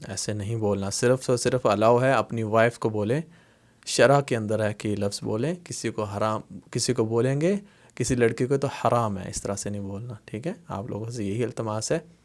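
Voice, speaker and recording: A man teaching Arabic words, explaining patiently in a slow lesson style and repeating each word. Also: medium pitch, darkish tone. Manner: repeats words slowly, many fillers and "theek hai".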